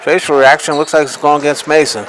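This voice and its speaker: A man's voice: fairly high pitch, steady tone, fast talker, fairly bright tone. A man giving live basketball commentary in short, folksy running calls with colloquial asides. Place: indoor gym during a game. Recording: noisy live gym broadcast. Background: bouncing basketball, gym ambience.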